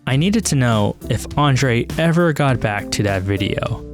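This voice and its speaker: A man's voice: mid-range voice, expressive, unhurried, music in the background. A man hosting a podcast, narrating in a scripted, wry and self-deprecating way. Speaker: podcast host.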